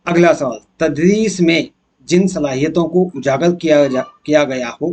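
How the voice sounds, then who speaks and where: A man's voice: on the high side, a little mellow. A man teacher going through exam questions one by one, asking and answering his own questions as he explains. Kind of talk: exam answer key walkthrough.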